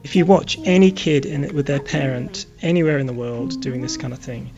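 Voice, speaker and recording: A man's voice: mid-range voice, normal speed, music in the background. A developmental psychologist speaking over the phone as an interview guest, patiently explaining his ideas with everyday examples. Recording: dull lo-fi phone line.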